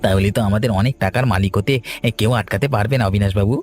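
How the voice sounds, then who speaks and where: A man voicing a greedy, excitable accomplice in a cartoon. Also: fairly low pitch, rapid-fire, faint music behind, close to an everyday voice. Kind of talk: cartoon voice acting.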